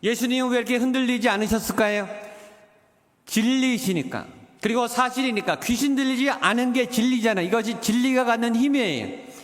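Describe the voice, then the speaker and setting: A male pastor preaching a sermon, swinging between emphatic rises and quiet, slowed drops. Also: very high-pitched, big-room sound.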